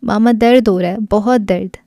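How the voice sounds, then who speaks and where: A woman voicing a fragile, volatile young man who is crying, pleading and shouting in despair. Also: mid-range voice, no room sound, clean studio sound, close to an everyday voice. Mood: sobbing pleading. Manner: sobbing, pleading, frantic.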